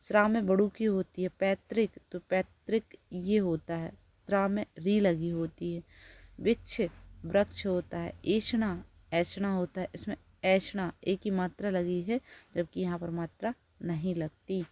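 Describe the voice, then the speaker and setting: A woman teacher with a fairly low, mellow voice gives a spelling lesson. She says each word, then explains and corrects it patiently. The recording is dry and close. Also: steady tone, measured pace, no echo.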